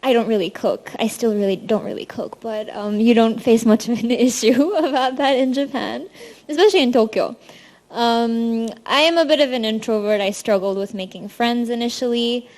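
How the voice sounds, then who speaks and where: A woman's voice: on the high side, normal speed, darkish tone. Young Indian-born woman giving a student talk. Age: young adult. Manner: casual, frequent ums, friendly. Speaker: student presenter. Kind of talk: presentation talk.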